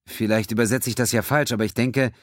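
A man's voice: medium pitch, steady tone, fast, dry recording, clean studio sound, pitched above the performer's own voice, natural voice. A man voicing a male alien communications officer relaying distress calls in an audiobook. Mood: focused. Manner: careful, reporting.

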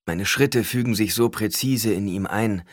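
A man voicing a blinded young ruler who speaks in a calm, measured, authoritative way. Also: fairly low pitch, no room sound, studio quality.

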